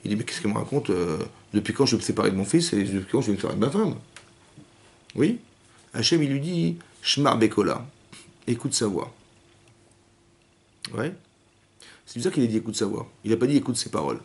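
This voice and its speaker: A man teaching a lively class to young women, asking questions and acting out cries and quotes. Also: lowish voice, a little fast, vocal fry, pauses often. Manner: animated, asks questions, acts out cries and quotes. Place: synagogue hall with young women students.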